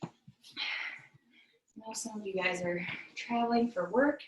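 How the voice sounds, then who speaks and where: A woman's voice: medium pitch, fairly even intonation, measured pace. A woman fitness instructor leading a virtual workout, counting down reps and cueing form while she exercises in a small room. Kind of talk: coaching a virtual workout class. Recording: roomy echo, mic at a distance, faint noise.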